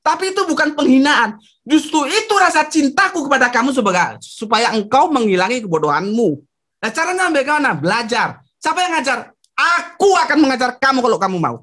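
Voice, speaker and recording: Blunt man, guest on a panel, lively animated delivery. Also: extremely high pitch, brisk. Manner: blunt and outspoken, self-described rough way of talking. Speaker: guest speaker. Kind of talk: panel discussion talk.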